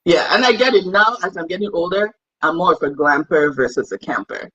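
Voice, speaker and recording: A woman's voice: fairly low pitch, a little fast, fairly bright tone, slightly rough, dull audio. A young woman from Cameroon, a guest in a casual interview, talking in a chatty, self-deprecating way and laughing easily. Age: young adult.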